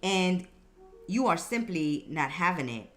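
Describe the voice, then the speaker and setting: Slow-paced woman giving a mystical horoscope reading. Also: on the low side, very animated, soft background music. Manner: emphatic, repeats phrases for effect. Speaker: tarot and horoscope reader, host.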